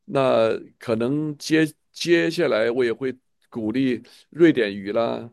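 A man's voice: medium pitch, slow, creaky, darkish tone, dry recording, clean studio sound. A man leading a casual church chat, speaking with enthusiasm and a preachy manner, often repeating himself. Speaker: church leader.

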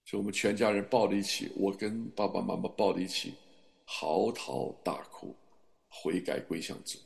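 A man's voice: low voice, steady tone, normal speed, vocal fry. A middle-aged man preaching a sermon and telling a personal testimony in an earnest, confessional way that rises to fervent emphasis. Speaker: pastor.

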